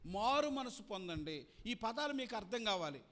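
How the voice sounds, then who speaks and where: High, lively-voiced male pastor preaching. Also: moderate pace. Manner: repetitive, rising emphatic lists; asks the congregation to repeat words. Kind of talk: sermon. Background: congregation present.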